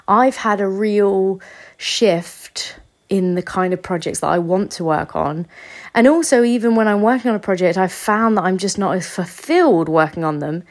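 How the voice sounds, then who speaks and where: A woman hosting a casual solo podcast. She is stuffy from a cold, speaks softly and half-whispered, and chats with quick asides. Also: fairly low pitch. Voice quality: soft, half-whispered delivery. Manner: chatty, with quick asides and restarts. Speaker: podcast host.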